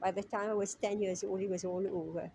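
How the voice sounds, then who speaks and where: A middle-aged woman from Mauritius teaching a scripture class in a conversational way, often asking "right?", and chanting verses slowly. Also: mid-range voice, flat delivery, gravelly, dark tone, a little hiss or hum. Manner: conversational, frequent "right?" tag questions.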